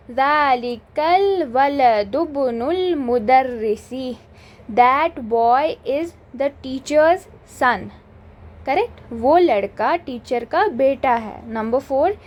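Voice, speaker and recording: A woman with a high voice teaches an Arabic grammar lesson and speaks very slowly and deliberately. She reads each example sentence and then translates it word by word. She often stops to ask if the point is clear. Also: dull audio. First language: Urdu. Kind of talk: grammar lesson in mixed Hindi-Urdu and English.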